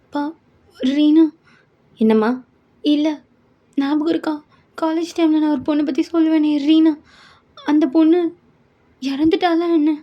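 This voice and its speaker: A woman's voice: high-pitched, measured pace, long pauses, dull audio, voice pushed up. A woman voicing a desperate young daughter who pleads through tears. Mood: pleading. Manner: pleading, tearful. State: crying.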